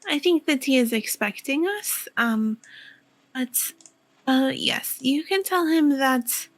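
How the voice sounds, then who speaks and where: A woman's voice: high-pitched, animated, takes it slowly, dry recording. A woman playing in a tabletop game, speaking coolly and laconically. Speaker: player.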